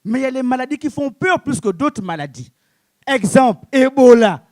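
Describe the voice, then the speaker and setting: A man doing a stand-up comedy set on a club stage, loud and punchy, calling out to the audience. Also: extremely high pitch, very animated, a little fast, dry recording. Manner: loud, punchy, shouted audience call-outs.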